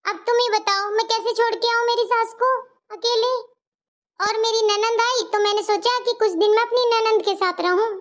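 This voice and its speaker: A woman's voice: extremely high pitch, steady tone, moderate pace. A woman voicing a caring young married woman in a cartoon story, earnest and pleading. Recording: dull lo-fi audio.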